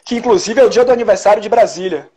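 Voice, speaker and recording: A man with a high yet dark-toned voice and a breathy edge talks very fast. A journalist from Salvador, Brazil, with a Bahian accent, he narrates stories as an interview guest in a casual conversation, often restarting and using tag questions.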